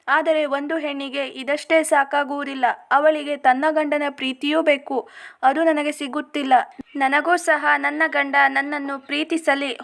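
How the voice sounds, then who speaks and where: High, flat-voiced woman storyteller. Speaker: story narrator. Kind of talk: first-person storybook narration.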